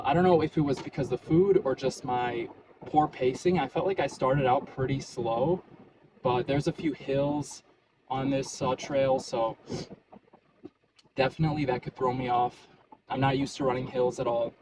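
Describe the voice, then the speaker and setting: Casual male running vlogger, conversational and loosely phrased, mid-range voice, recorded with clear ambient and vehicle noise. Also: medium pitch, steady tone, a little slow. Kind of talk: casual solo vlog talk to camera.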